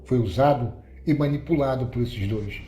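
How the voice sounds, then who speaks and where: João, a man reading a calm loyal friend. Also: mid-range voice, normal speed, a little hiss or hum, natural voice. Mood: earnest. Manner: earnest, soothing. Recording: roomy echoey recording.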